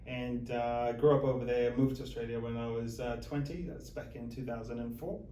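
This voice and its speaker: A man in his thirties from Zimbabwe, a financial planner being interviewed, talking in a measured, hesitant way full of fillers. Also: medium pitch, steady tone, warm tone, a little hiss or hum. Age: 30s. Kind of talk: interview chat. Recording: echoey room, mic at a distance.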